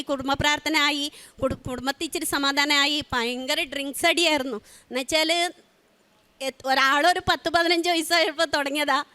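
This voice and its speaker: A middle-aged woman giving an emotional spoken testimony, halting often with fillers and restarts. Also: high-pitched, sharp tone. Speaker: testimony giver.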